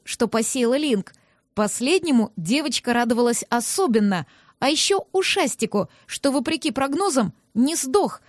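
Woman, audiobook narrator, high voice, dry close sound, expressive first-person telling. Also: no echo.

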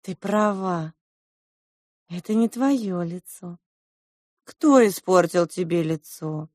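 A woman voicing a gentle, kind queen who was once a good witch, speaking quietly and caringly. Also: on the low side, takes it slowly, dry recording, clean studio sound.

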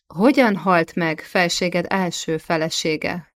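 Storybook figure: a devout medieval queen, read by a woman, grave and accusing, low-pitched. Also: close to an everyday voice. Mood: probing.

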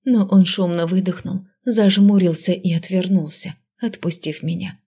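A woman reading first-person narration of an audiobook in an even, expressive storytelling manner. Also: fairly low pitch, normal speed, slightly rough. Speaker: audiobook reader.

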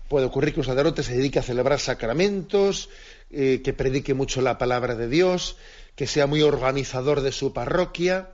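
A priest giving an earnest radio catechism talk, repeating key phrases for emphasis. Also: male voice, mid-range voice. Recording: dull lo-fi radio broadcast.

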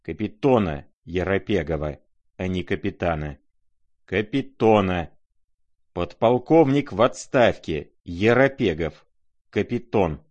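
A man's voice: low voice, lively intonation, slow pace, darkish tone, highs cut off, exaggerated voice. A man voicing a raging, pompous old retired general in a novel reading. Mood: flustered. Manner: thundering, wounded pomp.

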